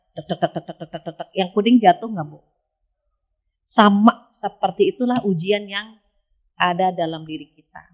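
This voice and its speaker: A woman's voice: mid-range voice, lo-fi sound. A woman preacher giving a casual sermon to women, chatty and often addressing her listeners directly. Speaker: Islamic preacher.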